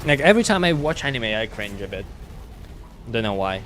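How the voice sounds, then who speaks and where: A man with a slight British-sounding accent, chatting casually with viewers while streaming a game, talking haltingly with many restarts. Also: fairly low pitch, sing-song, a bit bright, slight background noise. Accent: slight British-sounding English, learned at school. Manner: halting, with frequent restarts and fillers. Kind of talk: casual chat while gaming live.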